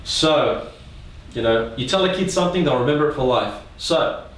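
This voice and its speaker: A man's voice: medium pitch, normal speed. A man telling funny stories about his own childhood, swearing freely and acting out the voices of the people in them. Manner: animated, swearing, acts out voices of others. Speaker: storyteller. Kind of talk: comic personal storytelling. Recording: echoey room, from a distance.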